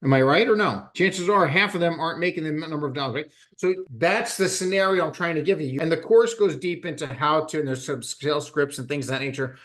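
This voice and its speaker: A middle-aged man leading a live sales training session, talking in an animated way and acting out both sides of phone calls. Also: a little high.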